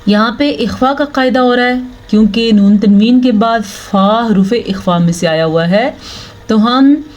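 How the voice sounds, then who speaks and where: Woman teaching tajweed super slowly, keeps saying "okay?", stretches out each word when she recites. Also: on the high side, a little mellow. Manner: explains rules patiently, then slowly chants each Arabic word; checks in with "thik hai" often. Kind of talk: slow, step-by-step tajweed lesson.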